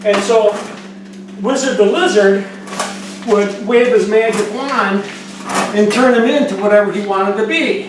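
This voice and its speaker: A man's voice: high voice, unhurried, pauses often. A man working as a drywall finisher, talking casually and jokingly while he demonstrates taping in a garage. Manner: joking, rambling storyteller. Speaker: drywall finisher and show host. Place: garage under repair. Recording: echoey garage, distant mic, noisy.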